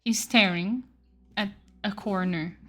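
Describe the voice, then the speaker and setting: Bright-voiced woman game master. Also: medium pitch, takes it slowly, faint music behind. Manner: casual, animated storytelling. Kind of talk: narrating a tabletop game.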